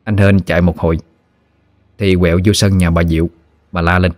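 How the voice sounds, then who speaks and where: Deep-voiced Southern Vietnamese storyteller. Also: male voice, level tone, normal speed, no echo, studio quality. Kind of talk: scripted horror story narration.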